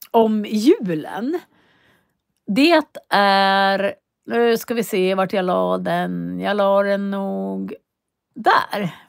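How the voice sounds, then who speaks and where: A woman teaching Swedish in a live online lesson, speaking slowly and clearly and repeating phrases for learners to copy. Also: medium pitch. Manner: walks viewers through web links on screen.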